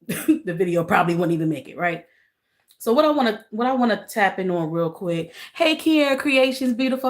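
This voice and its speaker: A middle-aged woman hosting a casual live stream. She greets viewers by name, repeats her phrases and talks earnestly and emotionally about grief. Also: fairly low pitch. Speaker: livestream host.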